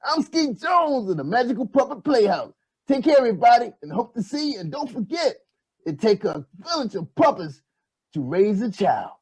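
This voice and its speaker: A man voicing an excitable boyish puppet who hosts a kids' show like an overbright party host, with a husky voice and hyped, exclamatory delivery. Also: very high-pitched, moderate pace. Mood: chatty, upbeat. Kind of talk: children's puppet show presenting.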